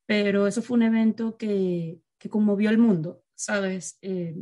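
Woman host from Venezuela, emphatic questions, mellow tone. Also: mid-range voice, steady tone, unhurried. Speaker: interviewer. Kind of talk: conversational interview.

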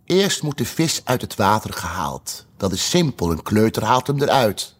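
A man voicing a gentle, cooing queen reciting a rhyme in a storybook. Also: on the low side, very animated, moderate pace. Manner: soft, cooing.

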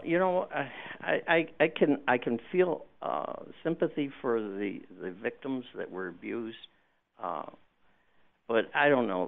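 A man calling in to a radio show, giving opinions casually and haltingly over the phone. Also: mid-range voice, creaky. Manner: halting, repeating words. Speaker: radio call-in caller. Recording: muffled, band-limited phone line.

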